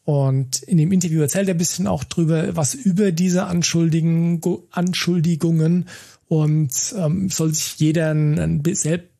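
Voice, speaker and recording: A man's voice: fairly high pitch, steady tone, normal speed, gravelly, dark tone. A man co-hosting a casual conversational podcast, talking in a hesitant way with many fillers and restarts. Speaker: podcast co-host.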